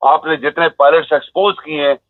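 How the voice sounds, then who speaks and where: Male phone guest, high-pitched voice, emphatic and scolding, tinny dry line. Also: steady tone, fairly quick, no echo. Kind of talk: heated political commentary.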